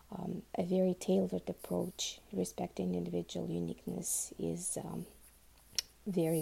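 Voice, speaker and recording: A nurse introduces herself to classmates in an unplanned way; she's a woman from Uzbekistan with Russian as her first language. Her voice is fairly low-pitched, dark and very gravelly, and she half-whispers softly, often saying um and restarting.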